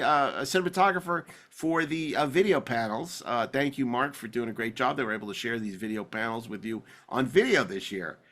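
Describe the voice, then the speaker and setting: A male podcast host with a medium-pitched, slightly bright voice jokes and digresses casually, bantering with co-hosts and reading out show notes.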